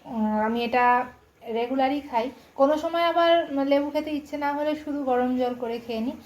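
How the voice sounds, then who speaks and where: A middle-aged woman with a Bengali accent, chatting quietly and casually to her viewers in an early-morning home vlog, keeping her voice low so the family can sleep. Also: a little fast, rough recording. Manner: soft-spoken, chatty, talking quietly so as not to wake the household. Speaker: vlogger.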